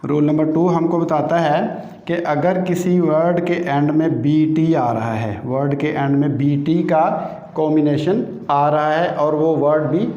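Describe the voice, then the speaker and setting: A man's voice: on the high side, fairly even intonation, unhurried, mellow. A man teaching English pronunciation rules, explaining patiently step by step and repeating each key term. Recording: echoey room, dull lo-fi sound.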